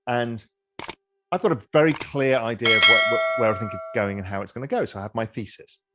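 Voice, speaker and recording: A middle-aged man answering as an interview guest in a relaxed conversational way, with frequent repeats and restarts. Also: medium pitch, brisk, heavy background noise.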